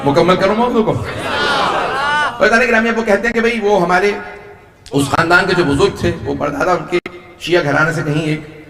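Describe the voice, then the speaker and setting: A man preaching a storytelling sermon at a mourning gathering, his throat hoarse, his delivery impassioned and swelling to near-shouts. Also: sits high, fairly even intonation, pauses often, a faint crowd. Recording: echoey, distant mic in a hall.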